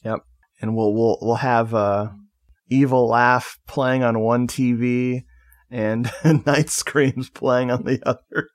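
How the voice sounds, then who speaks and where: A man's voice: medium pitch, fairly even intonation, takes it slowly. A man co-hosting a podcast, chatting casually in a loose, joking way and swearing freely. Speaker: podcast co-host. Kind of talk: casual chat.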